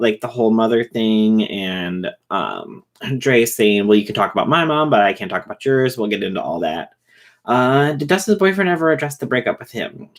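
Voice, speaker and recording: A man hosting a casual livestream who talks fast and rambles, with many fillers and restarts. He is short on sleep. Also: medium pitch. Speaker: livestream host reading chat.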